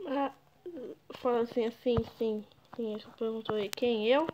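A woman's voice: fairly high pitch, steady tone, moderate pace, darkish tone, a little hiss or hum. A young woman, chatting casually and teasing others while she plays a game on stream. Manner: chatty, teasing, exclaims often. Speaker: gaming YouTuber. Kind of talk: casual gameplay commentary.

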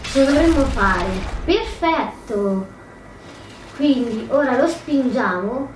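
A woman's voice: sits high, animated, slow. A woman casually commentating her gameplay, thinking aloud, hesitant and correcting herself often. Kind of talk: casual let's play commentary. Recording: roomy, distant mic, faint noise.

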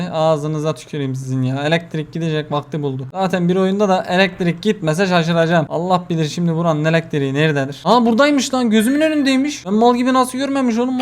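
A young man hosting a casual let's-play video, joking and exasperated as he talks to himself. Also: sits high. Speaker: gaming video host.

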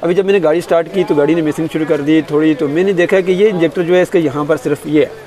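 A man's voice: on the high side, fairly even intonation, fast, dark tone. A man with a Pakistani Urdu accent, working on an open car engine outdoors and earnestly explaining the repair step by step as a mechanic host. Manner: earnest, advising, points things out as he works. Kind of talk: hands-on repair tutorial. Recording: noisy outdoor engine bay. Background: engine running, street ambience.

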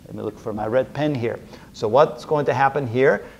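In a lo-fi recording from an indoor whiteboard room, a middle-aged chemistry lecturer works through the material step by step, often repeating himself. His mid-range voice is husky and darkish with vocal fry, and he keeps a moderate pace.

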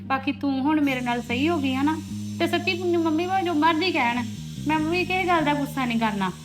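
A woman's voice: high voice, fast, music in the background, lightly acted. A woman playing a soothing elder sister-in-law. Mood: calm. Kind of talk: Punjabi family drama acting.

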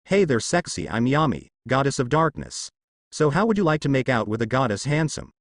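A seductive, teasing goddess of darkness from a storybook, voiced by a male narrator. She talks with a lively, swooping lilt that plays up the flirting. The sound is close and dry. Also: mid-range voice, normal speed, dry recording. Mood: flirty. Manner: teasing, playful.

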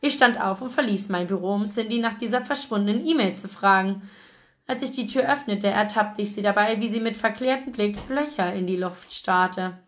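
A woman reading a novel aloud in a lively, expressive audiobook narration. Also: medium pitch, normal speed. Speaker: audiobook reader.

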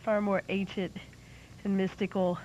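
A woman's voice: mid-range voice, level tone, unhurried, a little mellow. A woman co-hosting a casual chat, opinionated and teasing. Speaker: co-host. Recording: dull lo-fi 1990s cable recording with faint hiss.

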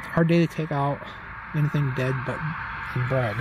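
A man's voice: on the high side, steady tone, moderate pace, noisy background. A middle-aged man casually narrating a walk through an outdoor haunted farm at night, reading the signs aloud with dry jokes, into a handheld phone. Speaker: vlog host.

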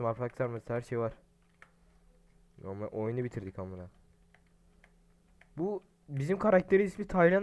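Smooth-voiced man cursing through a game. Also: on the low side. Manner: profane, excitable, talks to viewers. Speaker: gaming streamer. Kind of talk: casual let's-play commentary.

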